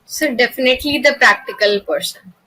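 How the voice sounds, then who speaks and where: A woman's voice: a little high, brisk, pushed and bright, slight background noise, rough recording. A young woman with an Indian accent answering as a job interview candidate, formal and deferential. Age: young adult.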